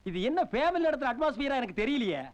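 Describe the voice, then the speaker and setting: A man playing a sharp-tongued middle-aged uncle in a film comedy, firing off sarcastic insults. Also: very high-pitched, big pitch swings, fast talker, muffled recording.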